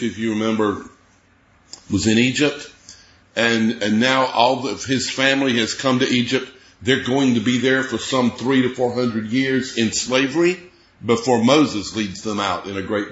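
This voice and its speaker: A man's voice: on the low side, echoey room, lo-fi sound. A man preaching a sermon, explaining scripture in an earnest way and reading verses aloud.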